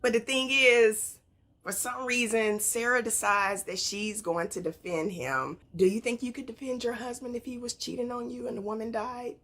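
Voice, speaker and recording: In a casual book haul video, a woman book vlogger talks to her audience at a moderate pace, spinning stories and asking rhetorical questions. Her voice is on the high side with a fairly bright tone.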